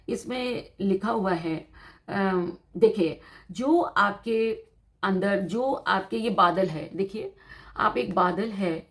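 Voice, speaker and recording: A woman's voice: medium pitch, fairly bright tone. A woman giving a tarot reading to her viewers in a teacherly, explanatory way, repeating her points and mixing in English terms. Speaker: tarot reader.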